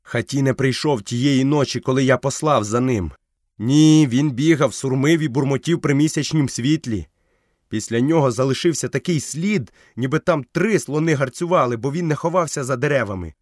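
A man's voice: medium pitch, moderate pace, no room sound, studio quality, voice pushed up, close to an everyday voice. A man voicing a moody, proud young jungle boy in an audiobook, speaking in a petulant, insistent way. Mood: sulky. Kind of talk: audiobook character voice.

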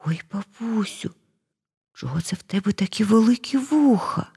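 A woman's voice: mid-range voice, animated, normal speed, vocal fry, warm tone, slightly rough, pitched above the performer's own voice, full character voice. Woman doing a timid little girl.

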